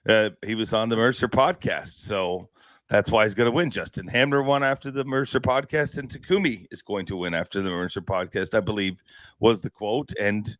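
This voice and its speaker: A man's voice: fairly low pitch, normal speed, a bit bright, no echo. A man hosting a podcast in casual chat, talkative, laughing easily and restarting his sentences. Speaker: podcast host.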